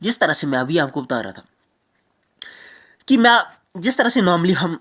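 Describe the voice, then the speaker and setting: A man from Jammu and Kashmir, a teacher giving an explanatory grammar lecture and repeating each point slowly with English examples. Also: fairly high pitch, very animated, fairly bright tone.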